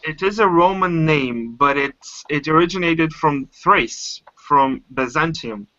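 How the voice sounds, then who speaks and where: Bright-voiced Bulgarian man. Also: a little high, a little slow, no room sound. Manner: hesitant, many restarts and fillers. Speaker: guest. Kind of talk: casual chat. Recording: dull dry lo-fi audio.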